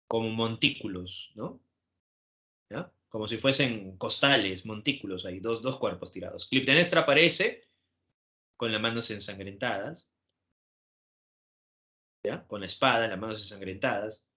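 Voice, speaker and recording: A male teacher giving an animated classroom lecture, constantly adding tag questions to check his listeners follow. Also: lowish voice.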